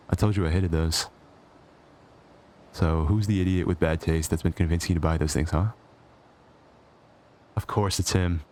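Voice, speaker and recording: In a low voice, a man plays a cocky, possessive, sarcastic supervillain who has a soft spot, in an intimate ASMR roleplay. His delivery is teasing and conversational, and he sounds suspicious and irritated.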